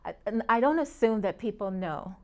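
A woman's voice: medium pitch, animated, moderate pace. A middle-aged woman from Puerto Rico, a real estate agent guest talking earnestly and in detail in a casual interview, often laughing between points.

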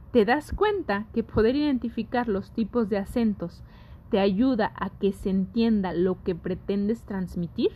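A woman teaching a scripted lesson, speaking deliberately and putting questions to her audience. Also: a little high, highs cut off.

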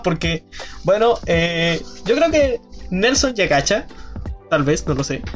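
A young man from southern Chile with a Chilean accent, hosting a casual podcast chat, rambling with many fillers and restarts. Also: high voice. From Aysén region, southern Chile. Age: young adult. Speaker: podcast host, student.

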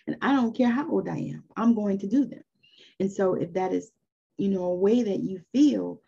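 A husky, mellow-toned woman in her fifties teaches an informal spiritual lesson, earnest and encouraging as she chats her way through it. Her voice has a gravelly texture, and the recording sounds dull and lo-fi. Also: mid-range voice. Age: 50s.

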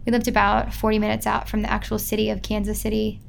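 Chatty Midwestern woman with a gravelly edge. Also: medium pitch, completely flat delivery, quick pace, a little hiss or hum. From Midwest United States. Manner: chatty, lots of filler "like". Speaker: guest. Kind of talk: casual interview.

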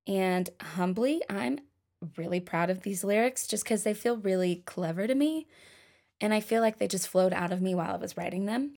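A woman's voice: lowish voice, creaky, darkish tone. A young woman singer-songwriter talking casually about writing her songs, chatty and self-deprecating.

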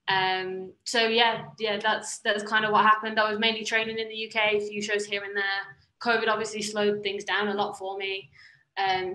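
A woman's voice: medium pitch, pushed and bright, reverberant, poor audio. A young adult woman with a British accent chatting casually as a guest in an interview. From United Kingdom. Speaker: interview guest, professional wrestler.

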